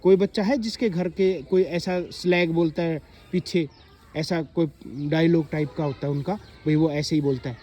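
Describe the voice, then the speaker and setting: A man teaching young pupils in a classroom, asking them questions and slowly reading example sentences aloud. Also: on the high side, steady tone, mellow, muffled recording. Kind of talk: classroom explanation to children.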